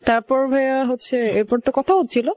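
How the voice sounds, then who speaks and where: Here a young Bangladeshi-accented woman, a radio studio guest, recounts her life conversationally, quoting past exchanges mid-narration. She speaks a little fast in a high, level, slightly mellow voice, and the recording is dry.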